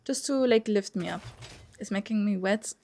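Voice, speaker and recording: A woman's voice: mid-range voice, normal speed, noisy background. A young woman streaming a game, rambling and swearing freely as she chats with her viewers. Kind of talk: casual gameplay commentary. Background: faint music.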